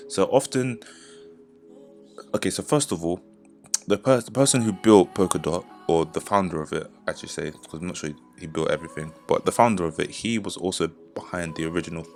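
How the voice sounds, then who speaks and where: A man hosting a casual crypto news video in an informal crypto bro manner, rambling as he repeats words and corrects himself. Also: low voice. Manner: informal crypto bro talk, addressing viewers as "you guys".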